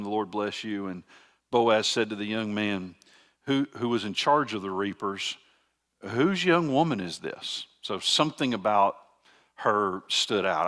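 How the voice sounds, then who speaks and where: An older pastor with a fairly low voice preaches in a conversational teaching manner. He restarts phrases often as he explains a passage to his listeners. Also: a bit bright. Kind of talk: sermon.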